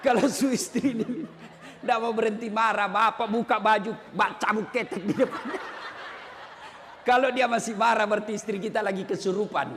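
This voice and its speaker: A man giving a humorous, lively Islamic sermon, joking and sometimes shouting to his audience. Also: sits high, normal speed, big-room sound, background noise.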